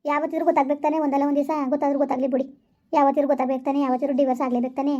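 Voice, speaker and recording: A woman acting as a fed-up, sharp-tongued young wife in a village family drama, with quick, sarcastic retorts. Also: sits high, level tone, close to an everyday voice. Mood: retorting. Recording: dull lo-fi recording.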